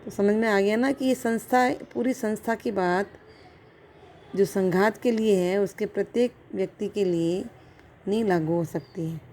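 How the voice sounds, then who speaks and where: A woman lecturer teaches a college philosophy class. Her voice is mellow and warm at a middle pitch. She explains step by step, checks in with her listeners often, and faint noise sits behind her. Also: normal speed. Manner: explains step by step with examples, checks with "theek hai".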